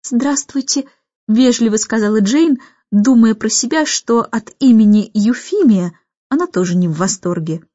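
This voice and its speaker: A woman narrating a children's story in a steady, expressive reading. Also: a little high, moderate pace, no room sound, lo-fi sound. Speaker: audiobook narrator.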